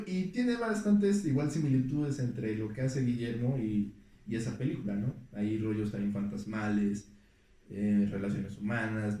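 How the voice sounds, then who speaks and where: A man's voice: fairly low pitch, warm tone. A man tells film stories in a loose, rambling way, full of fillers and restarts. He sits back from the microphone. The room rings with heavy echo. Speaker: podcast guest. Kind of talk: casual storytelling chat. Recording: echoey room, distant mic.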